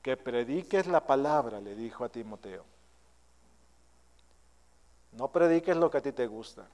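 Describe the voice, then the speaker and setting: A male pastor preaching an earnest, self-searching sermon, his voice often trailing low and soft at the ends of phrases. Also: expressive, a little slow. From Mexico. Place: church sanctuary. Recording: long hall reverb.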